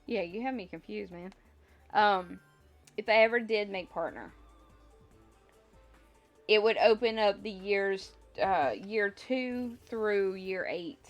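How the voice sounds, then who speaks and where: Speaking slowly and with long pauses, a medium-pitched woman hosts a casual livestream with music behind her. She rambles and thinks aloud to viewers, a bit congested and still coughing now and then.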